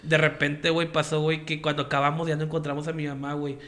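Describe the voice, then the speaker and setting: Young man, Monterrey accent, high bright voice, rapid slangy storytelling. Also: completely flat delivery. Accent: northern Mexican, Monterrey. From Mexico. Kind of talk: casual chat.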